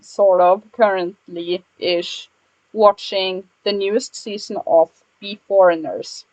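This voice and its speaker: A woman's voice: mid-range voice, fairly even intonation, slow, darkish tone, no room sound, dull audio. A woman co-hosting a casual gaming podcast, enthusiastic and giggly. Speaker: podcast co-host and YouTuber. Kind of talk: casual chat.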